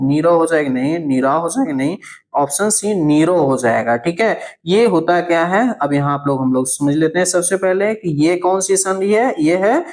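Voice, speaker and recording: A male teacher going through an exam answer key, asking questions and answering them himself, often checking in and drawing words out slowly for emphasis. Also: a little high, animated, a little mellow. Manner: keeps checking in with "thik hai".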